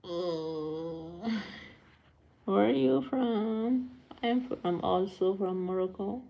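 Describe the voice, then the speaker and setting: A young woman chatting casually with her viewers on a live stream from home, in halting non-native English and laughing often. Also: medium pitch, vocal fry, muffled recording.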